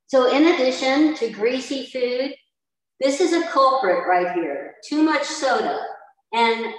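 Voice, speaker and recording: A woman's voice: on the low side, distant mic. An older woman, a chef, giving a chatty, emphatic community TV talk on healthy eating, with an American accent. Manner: chatty, emphatic, repeats for stress. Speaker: cooking instructor. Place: indoor community center room with posters. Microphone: far camera, no visible mic. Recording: roomy echo, voice off-mic.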